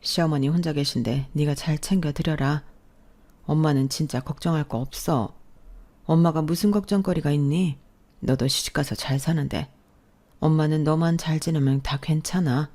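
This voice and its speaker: A woman voicing a gentle, self-effacing elderly mother in a radio drama, speaking softly and reassuringly. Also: low voice, fairly even intonation, normal speed. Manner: soft, reassuring, apologetic.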